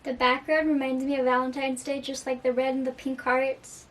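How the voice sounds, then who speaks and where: A young woman with a high voice chats earnestly about music in a casual reaction video, dropping in plenty of fillers. She sits a little back from the mic, so the sound sits at a distance. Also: monotone, normal speed. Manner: earnest and chatty, with frequent fillers.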